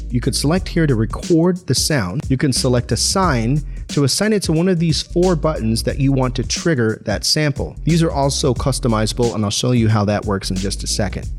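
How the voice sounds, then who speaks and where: A man's voice: medium pitch, darkish tone. A man streamer giving a casual, chatty product demo with frequent chuckles. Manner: upbeat, chatty, chuckles often. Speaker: streamer reviewing gear.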